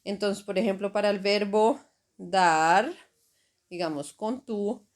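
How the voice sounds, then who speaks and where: Slow, patient woman teaching grammar. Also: medium pitch. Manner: slow, patient explaining with frequent "¿ok?" and "¿cierto?" checks. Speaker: Spanish teacher. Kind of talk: grammar lesson over slides.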